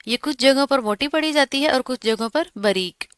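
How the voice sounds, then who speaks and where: A woman gives a pronunciation lesson. Her voice is bright and crisp, a little high, and recorded dry and close. She explains each sound and then says it slowly and drawn out. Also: dry recording. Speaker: Quran recitation teacher.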